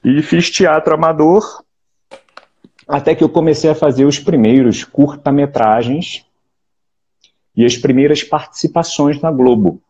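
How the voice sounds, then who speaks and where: A Brazilian actor in his late forties from Rio de Janeiro with a Carioca accent, talking in a relaxed, reflective way over a video call, often restarting and adding "né?". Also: fairly high pitch, unhurried, long pauses, husky, highs cut off. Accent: Carioca Portuguese. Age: late 40s. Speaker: actor, interview guest. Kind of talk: casual interview chat.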